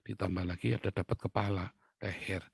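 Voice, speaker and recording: A man's voice: low voice, a little fast, no echo. A male preacher, telling personal stories in a sermon and laughing often at them. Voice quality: gravelly, husky. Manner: laughs often at his own stories, animated.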